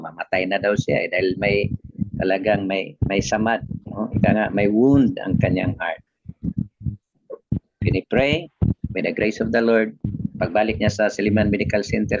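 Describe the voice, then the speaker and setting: A Filipino man preaching a sermon, mixing in English and asking the congregation "amen?" as he goes. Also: on the low side. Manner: preaching with call-and-response "amen?". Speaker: pastor. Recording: dull lo-fi recording with background noise.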